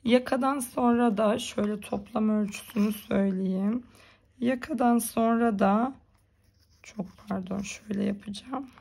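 A woman with a hoarse, gravelly, cracking voice, giving informal step-by-step craft instructions as a tutorial host. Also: mid-range voice, fairly even intonation, measured pace, a little mellow. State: hoarse, strained voice from being unwell.

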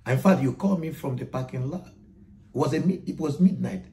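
A man's voice: a little high, fairly quick, mellow. A man hosting as a minister, prompting his guest with leading questions. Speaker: host and minister. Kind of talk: interviewing a guest. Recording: roomy echo with faint background noise.

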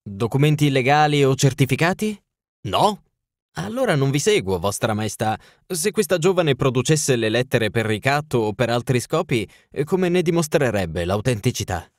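An Italian man reading an audiobook, voicing a languid, sharp-witted detective with a dry, clipped manner. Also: mid-range voice, sing-song, normal speed, no room sound, close to an everyday voice. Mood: probing.

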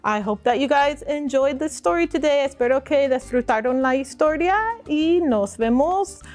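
Slow high-voiced woman reading to kids. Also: animated, darkish tone. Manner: slow, clear read-aloud for children. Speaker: librarian. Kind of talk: children's storytime reading.

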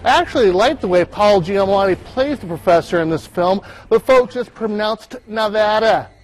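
High-voiced male film critic. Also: animated, normal speed, rough recording. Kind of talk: movie review segment. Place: TV news studio.

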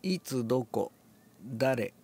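An older man, relaxed and musing aloud, explains a classical Japanese text before reading it aloud and demonstrates with his voice. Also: medium pitch, very slow, breathy edge. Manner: relaxed, talks to himself, demonstrates accents aloud. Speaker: reading teacher.

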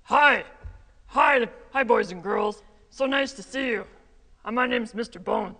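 A woman's voice: on the high side, a little slow, pushed and bright, in a large hall. A woman voicing a cheerful male skeleton puppet who gives children friendly health tips. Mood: cheery. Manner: upbeat and encouraging. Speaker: puppet character in children's yoga class.

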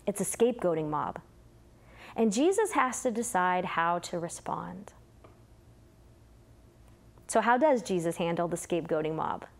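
A middle-aged woman delivering a sermon in a measured, earnest way, seated at a table in a small studio. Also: on the low side, very animated. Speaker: preacher.

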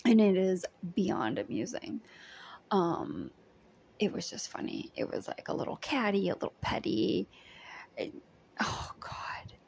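Recounting her day working as a background extra, a young woman chats in a storytime diary vlog, full of giggles, half-whispers, likes, and ums. Her mid-range voice is breathy with vocal fry, very animated, slightly slow, and a little mellow.

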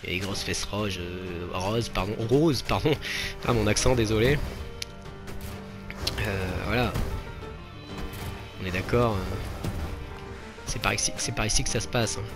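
A man's voice: on the low side, unhurried, long pauses, music in the background. A man giving casual let's play commentary, mocking himself and exclaiming at each failed attempt. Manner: self-mocking, exclaims and laughs at his own failures. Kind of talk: gameplay commentary.

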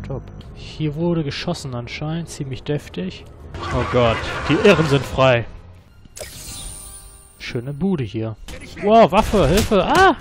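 Excitable, foul-mouthed gaming commentator, man. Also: fairly high pitch. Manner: excitable, swears often, slangy. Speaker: gaming channel host. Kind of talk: let's play commentary.

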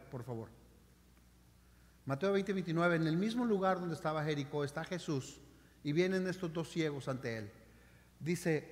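A male pastor preaches with dramatic swings between loud emphasis and hushed lines. His voice sits high, and the sermon echoes with a long reverb through the church hall. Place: church sanctuary.

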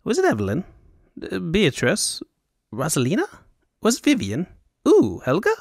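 A man voicing a foppish, talkative male noble with a high, affected fantasy accent, in a storybook audiobook. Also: huge pitch swings, moderate pace, no echo, clean studio sound, full character voice. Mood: chatty. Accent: high Elvunian fantasy accent. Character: foppish high-voiced male Elvunian noble, flamboyant and chatty.

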